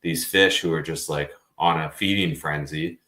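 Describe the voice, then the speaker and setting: Deep-voiced podcast host, roomy sound. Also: male voice, fairly even intonation, normal speed, bright, forceful tone. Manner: filler-heavy, says "like" and "you know" often. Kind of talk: casual chat.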